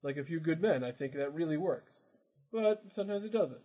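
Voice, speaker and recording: A man's voice: a little high, animated, brisk, dark tone, rough recording. A man in casual, rambling, opinionated chat as a podcast co-host. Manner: rambling, opinionated, many restarts.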